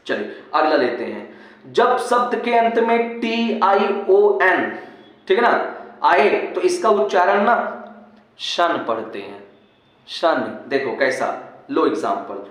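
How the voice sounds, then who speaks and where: Guy teaching english pronunciation, kinda high voice, keeps asking if it's clear, big echo. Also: fairly bright tone. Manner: explains rules slowly, repeating and checking understanding. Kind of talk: classroom-style pronunciation lesson. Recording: very echoey room.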